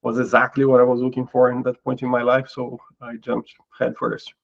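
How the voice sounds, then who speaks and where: A man's voice: medium pitch, monotone, brisk, vocal fry, highs cut off. A middle-aged Brazilian man with a Portuguese accent, a guest in an interview who talks thoughtfully and often repeats words as he restarts a phrase. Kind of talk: casual interview talk.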